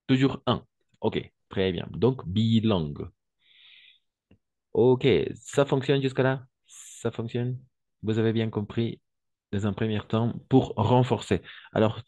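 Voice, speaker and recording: Slowly and patiently, a man explains French to Spanish speakers, dropping into Spanish and repeatedly asking "d'accord?" His voice is fairly low and warm, recorded with no echo.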